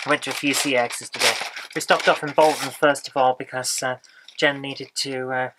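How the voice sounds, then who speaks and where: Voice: medium pitch, steady tone, normal speed, background noise. An exhausted vlogger, chatting casually and rambling as they search for words. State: exhausted, low on energy. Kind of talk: casual vlog chat.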